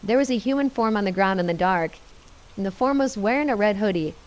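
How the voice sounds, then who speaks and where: A woman's voice: medium pitch, animated, a little fast. A woman giving tense, first-person scripted horror story narration.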